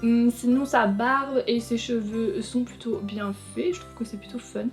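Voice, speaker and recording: A young woman chatting casually as a vlogger, reviewing figurines in a frank, teasing way that is quick to complain. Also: a little high, steady tone. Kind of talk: casual chatty unboxing commentary. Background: faint background music.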